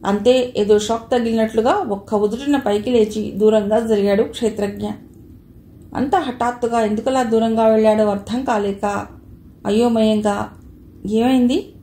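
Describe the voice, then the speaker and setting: A woman reading a novel aloud, narrating in a smooth, steady storytelling voice. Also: on the high side, moderate pace, slight background noise. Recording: echoey room.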